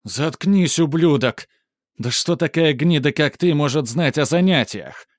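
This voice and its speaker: A man voicing an arrogant, hot-tempered teenage schoolboy bully who shouts sneering insults. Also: fairly high pitch, a little slow, no echo, studio quality, pitched above the performer's own voice, lightly acted. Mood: raging.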